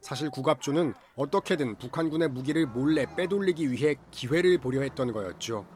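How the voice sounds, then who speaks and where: A man's voice: medium pitch, brisk, background noise. A man delivering scripted film recap narration in a formal storytelling manner.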